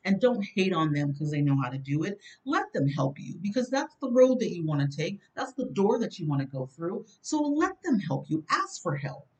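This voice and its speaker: A woman's voice: fairly low pitch, very animated, moderate pace, few pauses, a little mellow, far from the mic, low-quality recording. Emphatic woman giving a self-help talk. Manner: emphatic and preachy, with frequent laughs.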